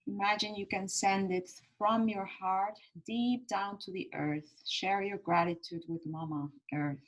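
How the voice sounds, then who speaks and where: Heard through poor audio, a woman with a mid-range voice leads a calm grounding meditation. She speaks softly and soothingly in brief phrases, pausing between each.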